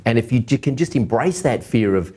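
A man's voice: mid-range voice, animated, fairly quick, a little mellow, slightly rough. A man hosting a podcast, talking earnestly and encouragingly about business in a casual chat. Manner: earnest, encouraging motivational talk. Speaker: podcast host.

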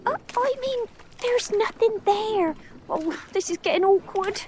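A woman's voice: very high voice, unhurried, darkish tone, a little hiss or hum. A woman voicing small cheeky creatures, a gross-out fly and a sleepy worm, in a children's audio story, chirpy and relishing. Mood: doubtful.

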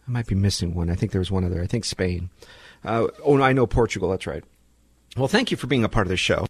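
A man's voice: low voice, fast, breathy edge, no room sound. A man hosting talk radio with an informal, emphatic monologue full of rhetorical questions and repetition. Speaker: radio show host.

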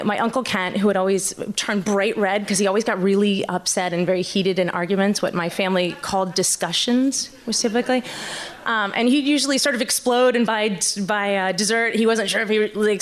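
A woman with a mid-range voice shares a personal story live on stage, nervously, haltingly, and often starting her sentences over.

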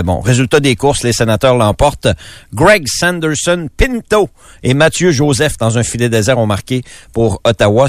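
A man's voice: medium pitch, no room sound, clean studio sound. A man giving the sports news on morning radio, plain and conversational. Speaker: sports reporter.

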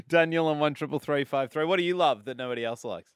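A man's voice: on the high side, fast talker, clear, resonant tone, dry recording, studio quality. An Australian man co-hosting a radio show with casual, bantering chat. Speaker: radio co-host. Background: music bed.

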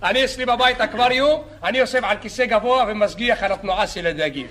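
A man playing a boastful, chatty beach lifeguard who rambles, jokes and yells at bathers in a comedy sketch. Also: high-pitched, natural voice. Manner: rambling, joking, shouting at bathers. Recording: live audience laughter and noise. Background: audience laughing.

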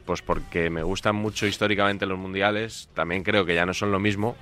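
Radio guy, lowish voice, dry teasing, laid-back. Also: fairly even intonation, a little fast, pushed and bright, faint music behind. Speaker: radio sports contributor. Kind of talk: casual radio chat.

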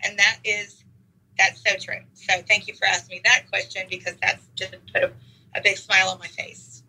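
Woman, middle-aged, raspy, very bright tone, eager casual interview talk. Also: mid-range voice, level tone, normal speed, poor audio. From Texas. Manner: enthusiastic, many fillers. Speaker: interview guest, teacher.

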